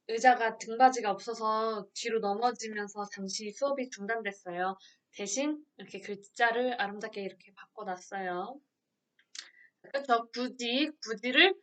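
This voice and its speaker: A woman teaching an online grammar lesson poses questions and then answers them herself. She explains patiently, step by step, in a bright, clear voice that sits a little high.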